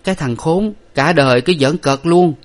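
A man reading a story, voicing a brisk, strong-willed wife who scolds sharply. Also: a little high, voice pushed up, close to an everyday voice.

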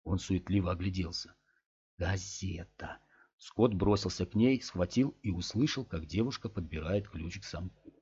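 A man reading an audiobook in a steady, measured way, in a dull lo-fi recording. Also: sits low, slightly rough. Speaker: audiobook reader. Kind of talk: audiobook narration.

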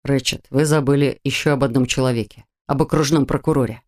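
A narrator voicing a tense, protective man, speaking low and earnest. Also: fairly even intonation, fairly quick, darkish tone, natural voice.

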